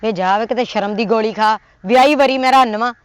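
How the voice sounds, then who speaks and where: A woman with a Punjabi accent acting a sharp-tongued, nagging wife in a comedy sketch. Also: a little high, a little fast, smooth, no echo. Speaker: comic actor as a scolding wife.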